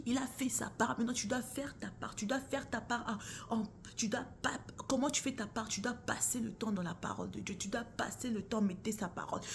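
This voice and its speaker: A woman's voice: on the high side, gravelly, a little hiss or hum. A woman giving a casual, earnest faith talk straight to her viewers, calling them sister or brother and often dropping into a near whisper. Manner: earnest, addresses listener as sister or bro.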